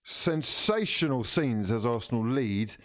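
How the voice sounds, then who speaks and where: A man hosting a live fan football watch-along, commentating in an informal, excitable, matey way. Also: mid-range voice, a little slow, slight background noise.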